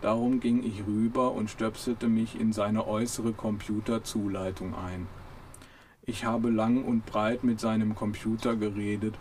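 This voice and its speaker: A man voicing a depressed, self-pitying male robot, speaking in a slow, flat, mournful drawl for an audio book piece. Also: mid-range voice, a little hiss or hum, natural voice. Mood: glum. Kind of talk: audio book reading set to music.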